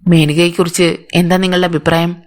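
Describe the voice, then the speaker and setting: A woman's voice: fairly low pitch, little pitch movement, a little fast, darkish tone, lightly acted. A woman voicing a male police inspector who questions firmly and sternly. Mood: questioning. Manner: firm, interrogating. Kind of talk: audiobook character voice.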